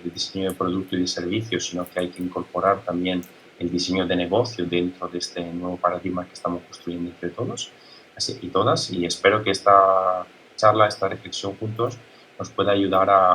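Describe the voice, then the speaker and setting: An Italian man, a native Italian speaker, giving a conference talk as a guest speaker, halting, with many fillers and restarts. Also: sits low, little pitch movement, pushed and bright, slight background noise, poor audio. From Italy.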